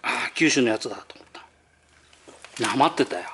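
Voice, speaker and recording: A man's voice: mid-range voice, expressive, normal speed, a bit bright, a little hiss or hum. A man chatting casually in a repair workshop, telling stories and acting out quoted phone calls, laughing often. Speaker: wheel repair shop worker.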